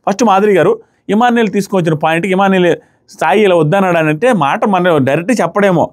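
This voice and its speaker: A man giving a casual, opinionated review of a reality show, retelling the arguments quickly and acting out what others said. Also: high voice. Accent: Telugu-speaking South Indian. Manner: fast, animated retelling, briefly mimics the people he quotes.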